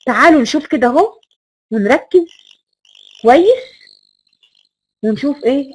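Egyptian woman lecturer, slightly high voice, keeps repeating and stressing words. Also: rough recording. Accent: Egyptian Arabic. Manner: emphatic, repeats key words and rhetorical questions. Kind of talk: recorded online lecture.

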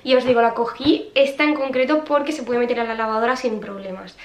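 Young woman, home vlog, chatty, filler-heavy, slightly high voice, echoey room. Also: steady tone, quick pace, slight background noise. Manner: chatty, lots of fillers, talks straight to viewers. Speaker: vlogger. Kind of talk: casual vlog chat to camera. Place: small bright room at home, indoors.

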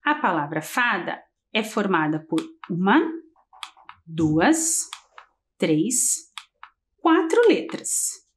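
Slow, sing-song woman teacher. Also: medium pitch, very animated. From Brazil. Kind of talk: early-grade literacy lesson on TV.

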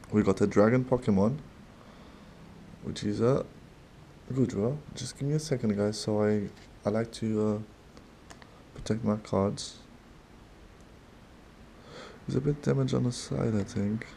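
Opening card packs at his desk, a card-opening channel host with a non-native English accent speaks slowly in a low, mellow voice with vocal fry. His casual commentary is halting and chatty, full of restarts and small laughs, with a faint room hum behind him.

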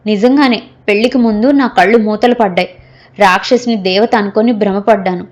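A woman's voice: medium pitch, steady tone, a little fast, darkish tone, close to an everyday voice. A woman voicing an angry young husband who hurls scornful insults at his wife. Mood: furious.

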